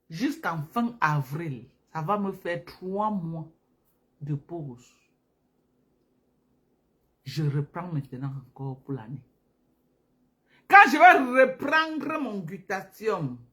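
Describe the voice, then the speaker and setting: A woman talking casually and emphatically to viewers on a phone live stream, repeating herself for emphasis. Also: fairly low pitch. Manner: animated, repetitive, emphatic, addresses viewers directly.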